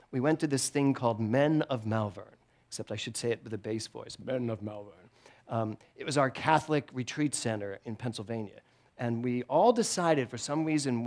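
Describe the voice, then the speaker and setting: A middle-aged man giving a conversational sermon at a spiritual center, telling stories with self-deprecating humor and frequent laughter. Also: mid-range voice. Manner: animated storytelling with frequent laughter. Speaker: guest speaker at a spiritual center.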